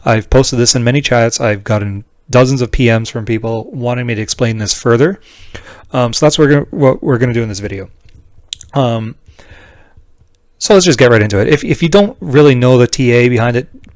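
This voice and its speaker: A man's voice: medium pitch, moderate pace, no room sound. A man giving an unscripted, informal tutorial in a blunt way, often tagging his points with a questioning "right?". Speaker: trading tutorial presenter. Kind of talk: casual screen-share tutorial, unscripted explanation.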